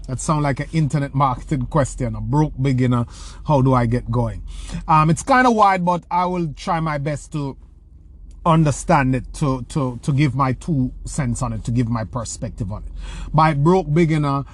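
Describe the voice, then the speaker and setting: Here a Jamaican man from the countryside, a motivational speaker, answers a question with stories in a medium-pitched voice at normal speed. Restarts and repeated words come up often as he talks.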